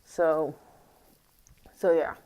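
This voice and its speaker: Low-voiced woman rambling to camera. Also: little pitch movement, drawn-out words, dark tone, rough recording. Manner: rambling and hesitant, many fillers and restarts. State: a little squeaky from morning. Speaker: vlogger. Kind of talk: casual rambling monologue to camera. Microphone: wearing a mask.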